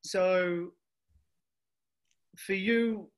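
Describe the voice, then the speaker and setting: A man's voice: high voice, steady tone, very slow. A man hosting an interview, asking questions and affirming his guest with brief interjections. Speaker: interviewer, host.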